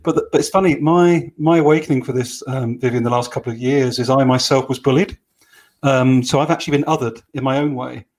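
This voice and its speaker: A man's voice: medium pitch, steady tone, a little fast. Passionate man panelist. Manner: passionate, reflective, restarts often. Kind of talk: casual online panel talk.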